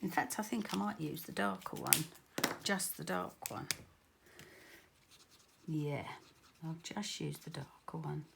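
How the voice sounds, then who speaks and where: A middle-aged woman with a southern English accent talks through a card-making tutorial in a casual, rambling way, often stopping to correct herself. Her voice sits low and carries a gravelly fry. Faint noise hums under the recording. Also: slow, long pauses. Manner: chatty, rambling, self-correcting.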